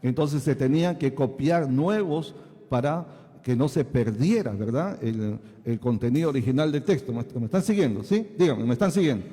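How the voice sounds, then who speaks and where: A man's voice: mid-range voice, animated, moderate pace, mellow. A male pastor teaching a sermon, asking the congregation again and again whether they follow. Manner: asks the congregation many checking questions. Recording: long hall reverb.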